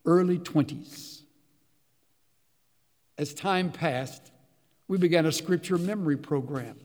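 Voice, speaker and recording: High-voiced older man preaching in a reverberant hall. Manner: storytelling, quoting scripture with emphatic rises and hushed drops. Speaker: pastor. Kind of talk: sermon.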